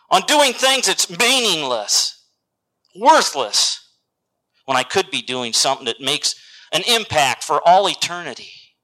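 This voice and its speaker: A man preaching a sermon, reading scripture and telling a story, who swings dramatically between loud lines and hushed whispers. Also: on the high side, poor audio.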